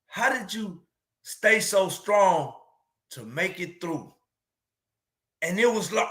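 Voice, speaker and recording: A man's voice: high voice, reverberant. A man speaking as a motivational speaker, telling a personal story casually and emphatically, often saying "man" and "listen". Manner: emphatic, repeats "man" and "listen", gets louder at peaks.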